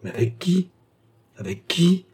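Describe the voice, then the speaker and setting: Read by a man, a desperate young cabinetmaker fires off urgent, pleading questions in a storybook reading. The voice is dark and husky, and it climbs high whenever he presses for answers. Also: big pitch swings, a little fast. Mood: anxious pleading. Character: anguished young male Parisian cabinetmaker.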